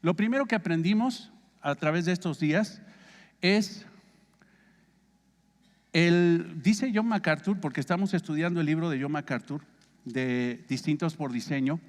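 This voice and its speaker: A man's voice: on the high side, measured pace, long pauses, long reverb tail. A man with a Mexican accent teaching a Bible study as pastor, conversational and asking his listeners questions. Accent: Mexican Spanish. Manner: conversational, asks the congregation questions.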